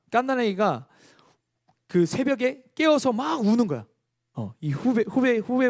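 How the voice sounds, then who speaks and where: A young man preaching a youth sermon, telling stories with energy and quizzing the young congregation. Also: sits high. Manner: lively storytelling, quizzing the congregation. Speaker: youth pastor.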